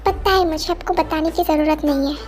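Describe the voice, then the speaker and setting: A woman voicing a feisty, quick-tempered young woman assistant who argues indignantly, with faint music behind. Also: high-pitched, a little mellow, natural voice. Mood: irritated. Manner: indignant, argumentative, exclaiming.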